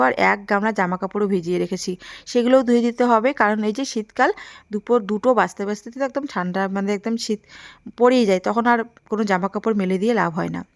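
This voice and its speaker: A woman's voice: mid-range voice, dry recording. A young woman with a Bengali accent, narrating a casual village vlog while she does housework. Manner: chatty, talks to viewers while doing housework. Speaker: village vlogger.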